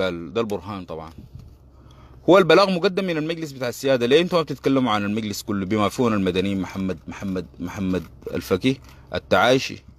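A man's voice: on the low side, dry recording. A man with a Sudanese Arabic accent giving a heated political commentary monologue, combative and sarcastic, hammering points by repeating them.

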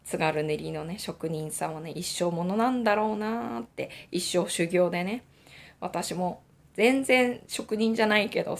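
A woman's voice: medium pitch, creaky. A middle-aged woman hosting a casual radio-style knitting talk, chatty and reflective, laughing often. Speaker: knitting channel host.

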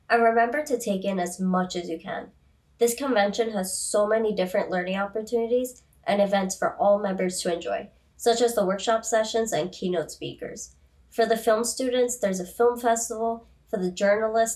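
A woman's voice: mid-range voice, moderate pace, a little mellow. A teenage girl hosting a student podcast interview, upbeat and reading from a script. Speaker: podcast host.

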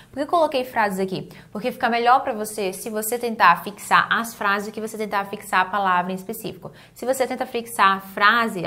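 A young adult Brazilian woman with a Brazilian Portuguese accent, teaching an online English lesson in an upbeat way, drilling words slowly. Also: mid-range voice, fairly bright tone.

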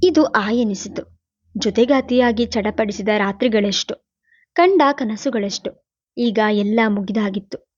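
A woman narrating a novel as an audiobook, in a steady, even storytelling manner. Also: mid-range voice, unhurried, no echo, dull audio. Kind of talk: novel reading.

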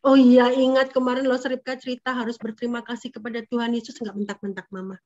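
A high-voiced woman teaches Sunday school with an animated, coaxing delivery, firing questions at the children. The recording is dull and lo-fi. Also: fast talker. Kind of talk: lively sermon for children.

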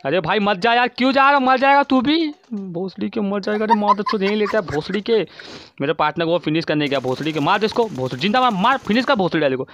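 Foul-mouthed man yelling at teammates. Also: high-pitched, lively intonation, fast, slight background noise. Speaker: gaming streamer. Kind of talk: profane gameplay commentary.

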